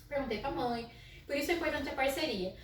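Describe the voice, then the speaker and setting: A Brazilian woman with a naturally loud, fairly high voice shares her school experience as a psychologist. She tells it as a story and keeps checking in with the listener with "né?". The sound is very echoey and a little distant, with faint room noise behind her. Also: fast talker. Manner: storytelling with frequent "né?" tags and soft laughs. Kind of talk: casual educational talk.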